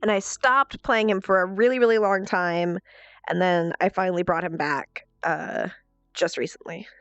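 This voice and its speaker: This livestreaming role-player has a fairly low, nasal, stuffed-up voice that's a bit bright, clear and resonant, with fairly even intonation at normal speed. She chats casually and mocks herself playfully, over soft background music on a dry recording with the highs cut off.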